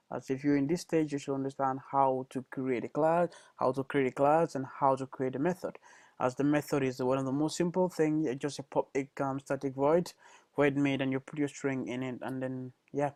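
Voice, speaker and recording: A man's voice: medium pitch, a little mellow, dry recording. A young man giving a casual programming tutorial over a screencast, hesitant, with many fillers and self-corrections.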